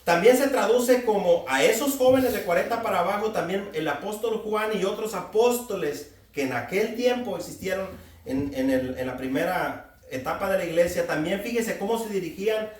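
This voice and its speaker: A man in his forties delivers a sermon in a fairly high voice, exhorting his listeners and addressing them directly. He stands some way from the microphone, and the room rings with echo. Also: animated, normal speed, far from the mic. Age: 40s. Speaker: preacher.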